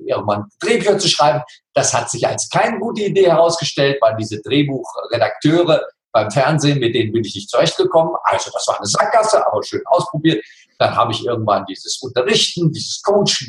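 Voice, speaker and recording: A middle-aged man telling his life story as an interview guest, animated and emphatic, full of rhetorical questions. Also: medium pitch. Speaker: interview guest, coach and actor. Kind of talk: conversational storytelling. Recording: roomy echo.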